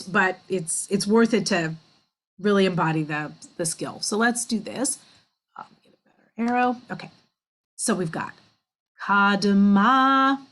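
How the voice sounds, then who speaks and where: A woman teaching cantillation in a class, explaining slowly and chanting the syllables in a drawn-out sung voice. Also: medium pitch, rough recording. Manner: wry and self-deprecating with small laughs. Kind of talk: online class teaching Torah trope.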